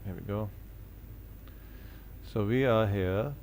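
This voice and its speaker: A man's voice: lowish voice, takes it slowly, darkish tone, slight background noise. A man streaming a flight simulator, casually talking himself through each step as he goes. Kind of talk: casual live commentary on own gameplay.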